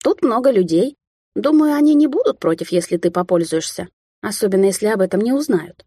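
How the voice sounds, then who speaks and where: A sly red-haired young witch, as a woman reads her, light and carefree with a teasing sing-song lilt. Her voice rides noticeably higher and livelier than the reader's own, mellow and a little husky, in a dry close recording. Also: animated, a little fast, no echo. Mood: playful teasing.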